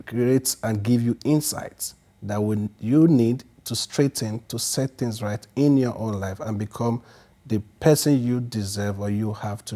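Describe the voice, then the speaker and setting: A man's voice: fairly low pitch, warm tone. A man hosting a podcast, upbeat and motivational as he thanks the guest and wraps up. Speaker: podcast host. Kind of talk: interview conversation.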